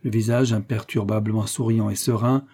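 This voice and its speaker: A man narrating an adventure story in a steady, measured audiobook reading. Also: lowish voice.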